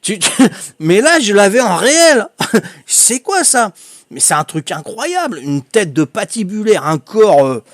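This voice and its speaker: A man's voice: sits high, very animated, unhurried, dry recording, studio quality. An older man from Corsica, telling funny anecdotes to his stream viewers in a chatty way and laughing at his own stories. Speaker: game streamer. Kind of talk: casual storytelling to stream viewers.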